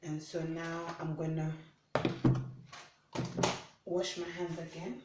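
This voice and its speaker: Slow-talking Ugandan-born woman in a kitchen. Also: deep voice. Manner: relaxed, chatty, narrating tasks step by step. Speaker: vlogger. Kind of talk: casual kitchen vlog narration. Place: home kitchen. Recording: echoey room, mic at a distance, noisy background.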